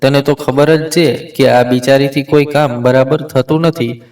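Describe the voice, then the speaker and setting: A man's voice: mid-range voice, steady tone, a little slow, a little mellow, far from the mic, close to an everyday voice. A man voicing a scornful older mother-in-law who talks in a sneering, belittling way.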